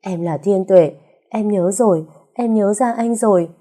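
A woman's voice: medium pitch, unhurried, dark tone, close to an everyday voice. A woman reading aloud, voicing a loving young wife who speaks emotionally and pleadingly.

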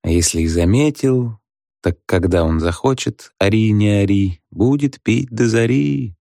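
A man's voice: fairly low pitch, unhurried, creaky, mellow, dry recording, studio quality, pitched above the performer's own voice. A man playing a meek joking husband. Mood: placating. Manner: mild, placating, proverb-quoting.

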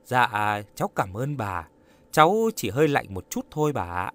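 Storybook role: male reader doing a courteous, hesitant young woman, lively intonation. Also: medium pitch, normal speed. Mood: polite. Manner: polite, hesitant. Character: polite young woman, newcomer, earnest. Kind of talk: audiobook character reading.

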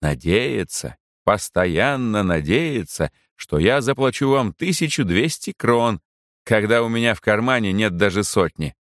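A man voicing a slippery male army chaplain who dodges his debts and talks in a smooth, mock-sermonizing, ironic way. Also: lowish voice, expressive, unhurried, fairly bright tone, no room sound, studio quality.

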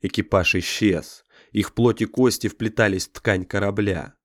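Low-voiced man narrating a dark sci-fi audiobook. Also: steady tone, normal speed, no room sound, studio quality. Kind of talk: scripted dramatic narration.

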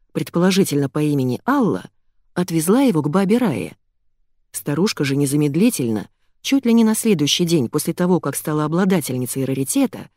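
A woman narrating an audiobook in first person, expressive and lively. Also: fairly low pitch, dry recording, clean studio sound.

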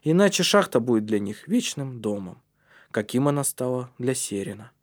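A man reading a storybook aloud as narrator in a steady, measured way. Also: medium pitch. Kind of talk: audiobook narration.

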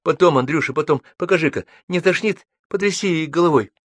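A man's voice: fairly high pitch, fairly quick, no room sound, studio quality, pitched above the performer's own voice, natural voice. A man voicing an emotional young woman in an audiobook, pleading and agitated. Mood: tender. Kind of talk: audiobook reading.

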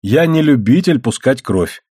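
A man voicing a calm, stubborn young man who takes threats lightly and dryly, in an audiobook reading. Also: medium pitch, measured pace, breathy edge, no room sound. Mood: wry. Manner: easygoing, dry, laughing off danger.

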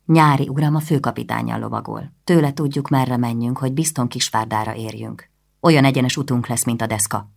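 A woman voicing a prince's male courier who gives hurried, clipped orders. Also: extremely low pitch, gravelly, darkish tone, heavily acted. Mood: firm.

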